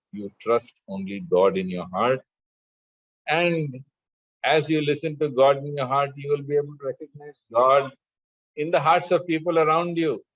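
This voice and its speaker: A man teaching spiritual lessons in a measured way, chanting scripture verses between his explanations. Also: mid-range voice, no room sound, muffled recording. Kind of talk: spiritual discourse with scripture recitation.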